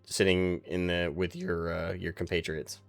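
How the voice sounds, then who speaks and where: A man narrating as game master of a tabletop game, pausing often with fillers as he describes scenes. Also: deep voice, level tone, creaky, dry recording, faint music behind. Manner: halting, filler-heavy descriptions.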